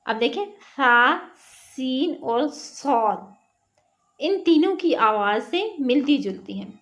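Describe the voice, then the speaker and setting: A woman teaching Quran letter sounds, drilling syllables slowly one by one and then explaining how each is pronounced. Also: high voice, animated. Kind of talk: slow recitation lesson. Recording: dull lo-fi online lesson audio.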